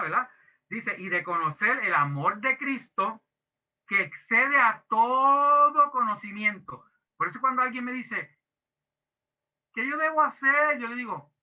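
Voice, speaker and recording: A man teaching a Bible class sermon as pastor, lively and acting out quoted dialogue, with English words mixed in. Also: high-pitched. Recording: tinny phone-like audio.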